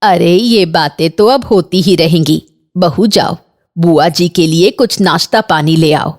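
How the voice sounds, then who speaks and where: A woman voicing a stern middle-aged mother-in-law in a cartoon, talking in a measured, commanding way. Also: lowish voice, darkish tone. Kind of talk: Hindi cartoon voice acting.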